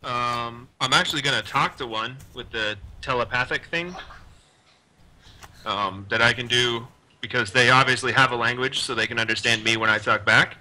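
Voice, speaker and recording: A man's voice: mid-range voice, moderate pace, bright, forceful tone, rough recording. A man playing in a streamed tabletop game, chatting playfully with the group. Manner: playful, eager player talk. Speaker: player. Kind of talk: casual tabletop game chat.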